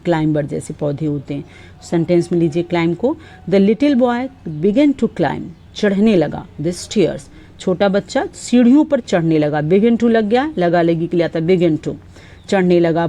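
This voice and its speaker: Low-toned mellow woman teaching vocabulary. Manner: slow, careful reading of example sentences. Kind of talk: explaining word meanings.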